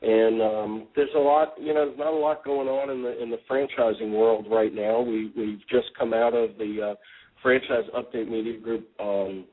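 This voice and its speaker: A man hosting a franchise radio talk show, chatting casually with a relaxed, rambling delivery full of ums and uhs. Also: medium pitch, moderate pace. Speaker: podcast host. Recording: tinny phone-line radio audio.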